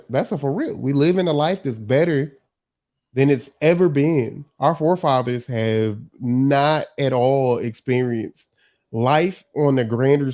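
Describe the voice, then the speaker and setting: Mellow-voiced man on a call-in chat. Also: mid-range voice. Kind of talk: casual chat and scripture reading.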